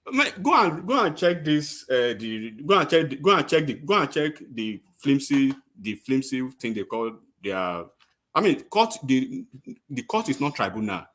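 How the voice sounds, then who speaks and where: A man's voice: medium pitch, very animated, a little slow, fairly bright tone. A man on a panel, insistently repeating himself to get a word in. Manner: insistent, repeats phrases to cut in. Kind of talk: heated panel debate.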